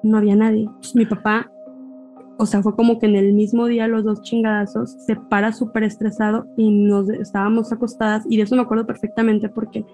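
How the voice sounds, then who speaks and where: On a podcast, a woman with a Mexican accent chats casually through a personal story, animatedly performing what her family members said. Her mid-range voice moves briskly over soft background music, and the audio is poor.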